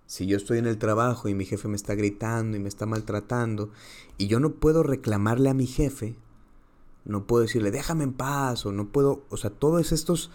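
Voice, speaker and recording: A man's voice: medium pitch, a little mellow. A man, a psychologist explaining ideas with small acted-out dialogues. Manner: acts out little dialogues in varied voices.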